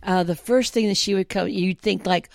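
A woman's voice: mid-range voice, fairly even intonation, moderate pace, gravelly, no echo, clean studio sound. A woman co-hosting a casual podcast, agreeing often and retelling stories. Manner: lots of agreeing backchannels, storytelling. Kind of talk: casual chat.

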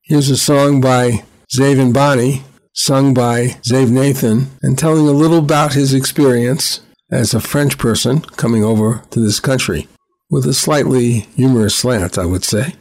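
Male radio host, mid-pitched, quick informal song intros. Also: a little mellow, rough recording.

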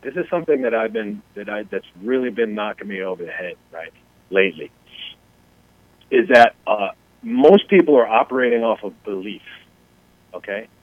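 A man's voice: fairly low pitch, expressive, no room sound. A man co-hosting a talk show makes his case with emphasis, swearing, and repeated restarts and fillers. His voice comes through dry and thin, as if over a phone line. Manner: emphatic, halting, full of fillers. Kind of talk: casual profane talk show discussion.

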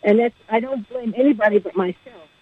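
Female caller, hesitant and halting, heard through a crackly phone line that fades in and out, thin and dry. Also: on the high side, slightly rough, no room sound. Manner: hesitant, halting, full of ums. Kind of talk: call-in question to a radio show.

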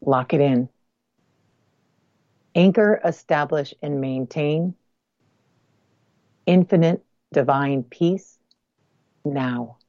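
A woman guides a meditation in a low, mellow voice, soft and close as if right in your ear. She phrases deliberately, leaving pauses between short groups of words. The sound is dry but dull and lo-fi. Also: dry recording. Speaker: guest energy healer.

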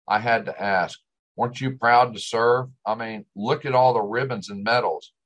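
A man's voice: mid-range voice, moderate pace, a bit bright, low-quality recording. A man with a West Texas drawl and twang, telling a scripted first-person story as a dramatic monologue. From West Texas, United States.

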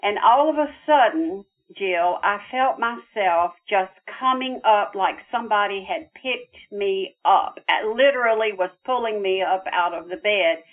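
A woman's voice: medium pitch, measured pace, hardly any pauses. Woman guest, spiritual counselor, earnest emotional storyteller, tinny phone-line sound. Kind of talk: personal storytelling in an interview.

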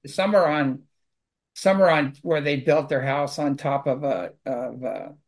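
A man who clears houses of spirits talks in casual conversation, telling long stories in an earnest, rambling way. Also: medium pitch, unhurried.

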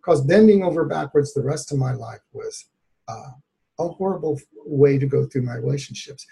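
A male therapist, a guest on an interview show, telling a personal story in an animated way and laughing often. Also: medium pitch, normal speed, creaky.

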